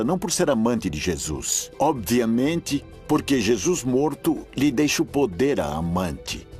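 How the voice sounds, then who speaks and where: A man's voice: medium pitch, darkish tone. Emphatic man dubbing an expert. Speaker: expert interviewee, dubbed. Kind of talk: documentary voice-over dub. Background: faint music.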